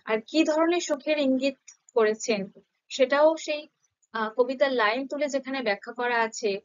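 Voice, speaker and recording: A woman teacher explaining a Bengali grammar lesson patiently, slowly sounding out syllables for her students. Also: sits high, smooth, dry recording, muffled recording.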